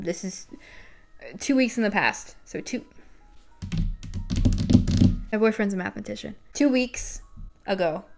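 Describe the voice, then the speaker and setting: A woman in her twenties talking casually and confessionally to camera, candid and self-deprecating, as she shares and comments on personal writing. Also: medium pitch. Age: 20s. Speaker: vlogger. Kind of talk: casual confessional talk to camera, reading and commenting on an old journal. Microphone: recorded at home with a ring light set up.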